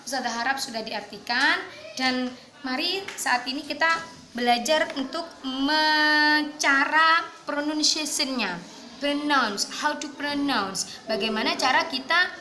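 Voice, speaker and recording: A woman teacher with an Indonesian accent giving an online lesson, saying English phrases slowly for students to repeat. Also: high-pitched, sharp tone, roomy sound, a little hiss or hum.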